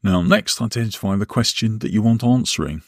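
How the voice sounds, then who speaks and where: A low-pitched man leads a guided visualisation. He speaks in a measured, instructional manner, leaving deliberate pauses between phrases. The sound is dry, with very little room in it. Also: lively intonation, dry recording. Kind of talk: guided relaxation and visualisation narration.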